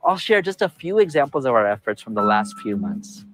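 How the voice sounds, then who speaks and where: A man in his forties delivering a scripted tech keynote presentation outdoors on a city rooftop, upbeat and measured. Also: mid-range voice, big pitch swings, a bit bright, faint music behind.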